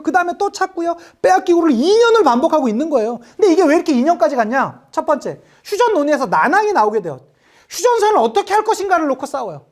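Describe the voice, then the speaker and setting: A woman from Daejeon giving an exam-prep history lecture, telling stories animatedly and acting out quotes. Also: a little high. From Daejeon, South Korea. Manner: animated storytelling, acts out quotes.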